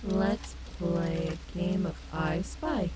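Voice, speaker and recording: A woman's voice: fairly low pitch, slow, noisy background. A woman voicing a confident, playful animatronic wolf, cocky and teasing yet tender, in an audio roleplay. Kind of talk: ASMR audio roleplay, companionable acting.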